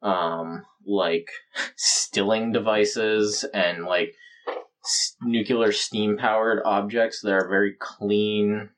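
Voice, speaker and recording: A man's voice: fairly low pitch, flat delivery, slow, fairly bright tone. A man running a tabletop game as game master, describing scenes in a chatty way full of fillers.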